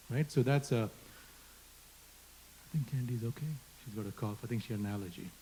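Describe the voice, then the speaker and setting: Man, Indian accent, panel moderator, earnest, rhetorical questions, warm tone, slightly husky. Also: mid-range voice, rough recording. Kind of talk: panel discussion.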